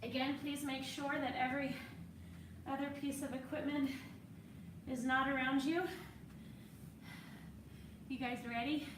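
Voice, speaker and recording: A woman's voice: high voice, level tone, a little slow, pauses often, echoey room, distant mic, noisy background. A woman fitness instructor coaching a workout while exercising alongside, encouraging and a little winded.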